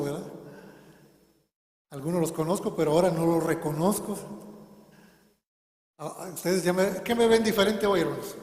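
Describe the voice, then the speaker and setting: A man preaching a sermon to his congregation, calling them "hermanos" and asking them questions. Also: a little high. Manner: varies loudness a lot, at times speaking very softly. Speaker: minister. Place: church hall. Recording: echoey hall with long reverb.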